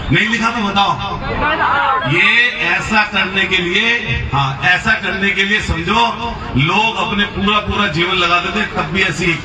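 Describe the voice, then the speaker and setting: A man giving a booming political rally speech, rousing the crowd with called-out questions and slogans. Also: takes it slowly. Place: large outdoor political rally. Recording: echoey loudspeaker, distant, noisy outdoor crowd.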